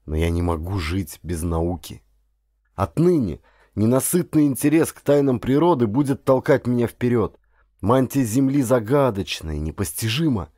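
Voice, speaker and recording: A man with a fairly low, darkish voice, recorded with no room sound. He is a professional actor narrating an audiobook in a dramatic storyteller's style, moving from scripted narration to speaking directly to listeners.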